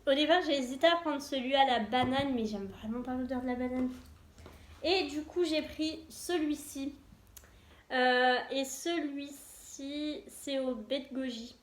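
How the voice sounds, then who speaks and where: A woman's voice: sits high, a little slow. A young woman chatting casually and enthusiastically as a beauty vlogger, with many fillers. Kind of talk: casual chat. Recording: echoey room.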